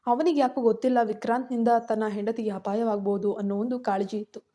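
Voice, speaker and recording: A woman narrating a story in a steady, even reading. Her voice is fairly high and sounds warm and mellow. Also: fast talker.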